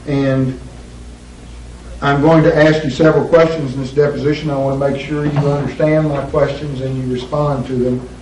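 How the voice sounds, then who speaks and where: A male attorney heard on a courtroom-style deposition recording, his voice mellow and dark in tone. He asks formal questions slowly and deliberately, often pausing on "uh". The room is echoey, the mic sits some way off, and a faint hiss runs underneath. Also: mid-range voice, level tone. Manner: deliberate, measured, with frequent "uh" pauses. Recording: roomy echo, distant mic, faint hiss.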